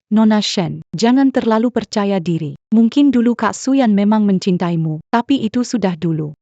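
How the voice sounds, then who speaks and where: Casting: female actor for composed young bride, mellow tone, firm and admonishing, melodrama dub, dry recording. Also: mid-range voice, lively intonation, moderate pace, no echo, dull audio, close to an everyday voice. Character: composed young bride firmly warning off a rival. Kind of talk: dubbed melodrama acting.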